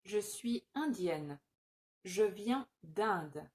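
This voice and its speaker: A woman's voice: mid-range voice, animated, drawn-out words. A woman reading scripted phrases for a language-learning video, enunciating each short line carefully.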